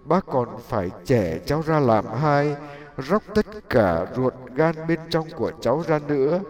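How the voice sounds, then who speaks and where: A man voicing a kindly older farmer in a spoken story, talking gently and coaxingly. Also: a little high, very animated, measured pace, distant mic. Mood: gentle. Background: faint background music.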